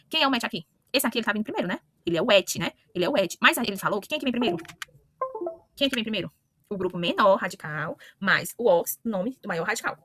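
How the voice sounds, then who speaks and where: Fast-talking, bright woman teacher. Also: fairly high pitch. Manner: talks to students directly with frequent questioning "né?" and self-corrections. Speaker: chemistry teacher. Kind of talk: online lesson explaining to students.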